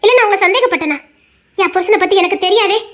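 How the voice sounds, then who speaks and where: A man voicing a gentle young wife who talks in quick, earnest questions. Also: extremely high pitch, pitched above the performer's own voice. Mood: reassuring.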